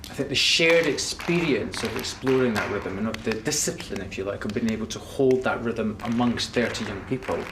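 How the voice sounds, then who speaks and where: A man's voice: lowish voice, fairly quick, few pauses. A man talking reflectively and carefully in an interview. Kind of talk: interview talk. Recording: roomy distant sound with noise.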